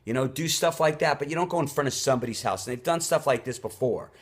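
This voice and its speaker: A man's voice: mid-range voice, quick pace, breathy edge. A man who hosts a show, delivering an off-the-cuff opinion rant in an emphatic, indignant way, leaning hard on key words. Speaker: show host.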